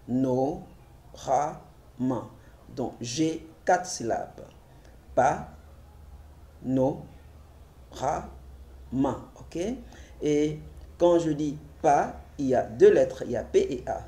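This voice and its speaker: A man's voice: mid-range voice, warm tone. A man teaching a French literacy lesson, spelling letters and syllables aloud one at a time and repeating them for adult learners.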